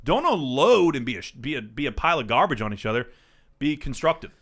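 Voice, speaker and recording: A man's voice: mid-range voice, sing-song, fast, a bit bright. A man in his thirties co-hosting a casual group chat, rambling and emphatic, swearing freely as he tells stories and gives advice. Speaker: podcast co-host.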